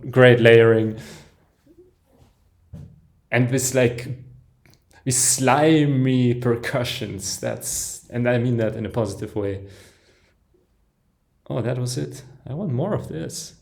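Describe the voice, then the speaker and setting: Man, mid-pitched voice, live music reaction, eager, lots of soft oohs and chuckles. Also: creaky. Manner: enthusiastic, frequent soft "ooh"s and chuckles; breaks off and restarts sentences while listening.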